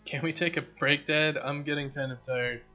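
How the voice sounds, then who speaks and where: A man's voice: fairly high pitch, steady tone, normal speed, pushed and bright, dull audio, faint music behind. A man voicing the hero's curious young son, who asks questions. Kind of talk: reading game dialogue aloud.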